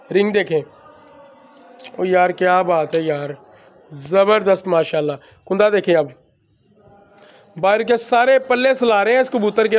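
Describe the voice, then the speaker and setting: Loud, high-voiced man showing pigeons. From Pakistan. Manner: loud, emphatic, repeating stock phrases. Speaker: pigeon breeder and seller. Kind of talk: casual handheld show-and-tell. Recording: faint background noise with pigeons.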